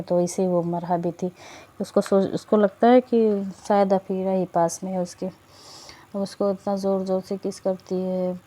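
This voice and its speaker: A woman telling a romance story in casual, chatty narration, slipping in conversational asides. Her voice is very dark and mellow, and her pitch stays flat and even.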